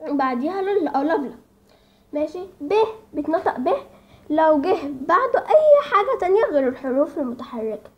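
A church lesson presenter with an Egyptian Arabic accent gives informal teaching in a voice that sits high. She hesitates often, fills her pauses, and speaks to viewers as friends. The recording is dull and lo-fi.

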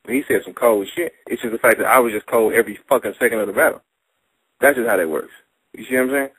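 A man's voice: medium pitch, quick pace, fairly bright tone, husky, dry recording, low-quality recording. A young man from St. Louis with a St. Louis accent, arguing brashly and boastfully, full of profanity, as a battle rapper in a heated casual debate.

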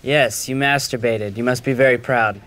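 A man's voice: mid-range voice, steady tone, normal speed, a bit bright, close to an everyday voice. An actor playing an uncomfortable, incredulous male office employee in sketch comedy, hesitant and protesting. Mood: reluctant, exasperated.

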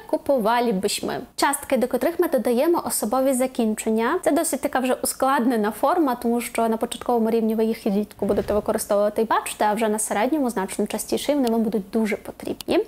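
A woman teaching Polish grammar in a video lesson, explaining clearly and slowing down to spell out example words. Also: fairly high pitch, a little mellow.

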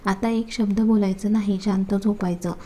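A woman's voice: medium pitch, fairly even intonation, moderate pace, dark tone, close to an everyday voice. A woman voicing a stern, busy young husband who talks in curt, scolding lines in a storybook reading. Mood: soothing.

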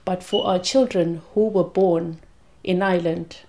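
A woman from Zimbabwe speaking in a documentary interview, slow and deliberate with some hesitation. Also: on the low side, steady tone, warm tone, slight background noise. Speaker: community member.

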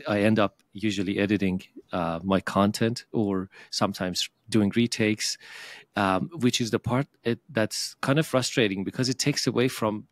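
Low-voiced host guy, kinda halting, lots of ums, dry close sound. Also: fairly even intonation, dry recording. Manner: hesitant, halting, many fillers and restarts. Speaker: podcast host. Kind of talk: casual conversational interview.

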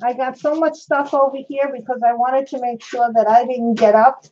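A woman's voice: fairly high pitch, steady tone, normal speed, warm tone. A woman chatting casually to her livestream viewers while she works on a craft project, rambling and answering chat by name. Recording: slightly dull lo-fi stream audio.

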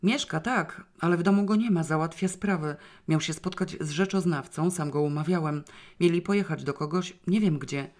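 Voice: mid-range voice, normal speed, darkish tone, natural voice. A reader voicing a frightened antiquarian's son-in-law who talks anxiously and apologetically in an audiobook. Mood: flustered. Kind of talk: audiobook reading.

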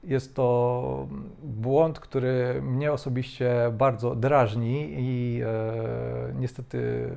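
Guy reviewing english skills, kinda gravelly, mellow, lots of uhs. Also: medium pitch, little pitch movement. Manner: measured, critical, with frequent hesitations. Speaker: host. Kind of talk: language-coach commentary.

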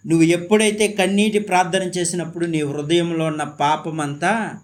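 High-voiced man preaching fervently. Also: fairly even intonation, moderate pace. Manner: fervent, repeats phrases, asks the listeners questions. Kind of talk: sermon.

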